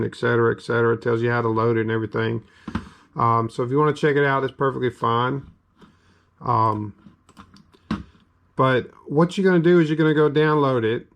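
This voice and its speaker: Man, southern accent, casual tech tutorial, rambling step-by-step, lots of fillers, mid pitch, keyboard clicks behind. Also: dull audio. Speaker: game hardware reviewer. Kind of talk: casual screen-recorded tutorial.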